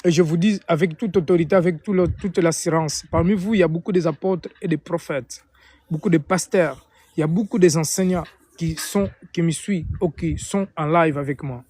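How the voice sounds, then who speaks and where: This native Portuguese speaker from Angola has a slightly rough, a little mellow voice that is a little high, delivered at normal speed. Carrying an Angolan Portuguese accent, he preaches and prays casually on a live stream, often restating and rephrasing what he says.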